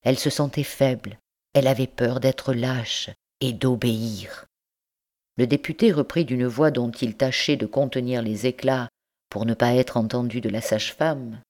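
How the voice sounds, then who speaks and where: A woman narrating a novel as an audiobook reader, in measured, even storytelling. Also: very deep voice.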